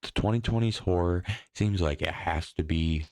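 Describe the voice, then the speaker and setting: A man with a very low, gravelly voice rants casually about horror films. He talks in a profane, rambling, exasperated way. The sound is dry and close. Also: moderate pace, a little mellow, no room sound. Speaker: podcast host. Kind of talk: casual ranting commentary.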